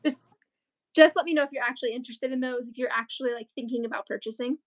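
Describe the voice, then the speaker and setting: A woman's voice: fairly high pitch, fast. A teenage girl co-hosting a crafting livestream, chatting casually and rambling with lots of fillers. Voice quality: chatty, rambling with many likes and ums. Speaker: co-host of a crochet livestream.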